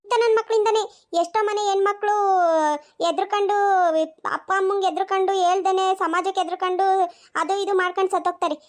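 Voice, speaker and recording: A woman's voice: extremely high pitch, steady tone, fast, pauses often. A woman voicing an angry village woman who demands that a troublemaker be handed to the police, in a cartoon. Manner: indignant, lecturing.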